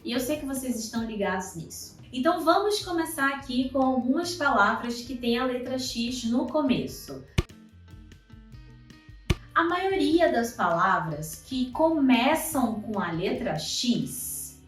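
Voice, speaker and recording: Brazilian woman teacher, higher voice, lively lesson delivery, drawn-out examples, roomy off-mic sound. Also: recorded from a distance. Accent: Brazilian Portuguese. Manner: lively, chatty, drawing out example words slowly. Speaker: Portuguese teacher. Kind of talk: online language lesson. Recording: echoey room, voice off-mic, faint music.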